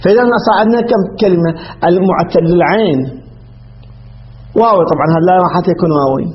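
A man's voice: sits high, lively intonation, quick pace, lo-fi sound, slight background noise. A man teaching a classroom grammar lesson, asking questions and answering them himself.

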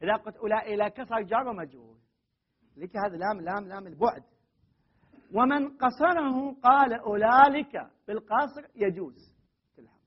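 A man with a very high, husky voice teaches a grammar class. He reads from the text, keeps quizzing the students and corrects them firmly. The recording is dull and muffled. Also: brisk. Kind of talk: classroom lesson on Arabic grammar.

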